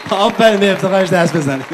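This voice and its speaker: A man's voice: sits high, background noise. A man hosting a comedy sketch on stage, playing the exasperated straight man. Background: live audience.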